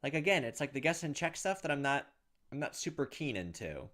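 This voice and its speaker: A let's play host reads the text of a horror visual novel aloud and thinks out loud, restarting his thoughts and sounding mildly exasperated by all the trial and error. His medium-pitched voice is very animated and brisk, set against a noisy background.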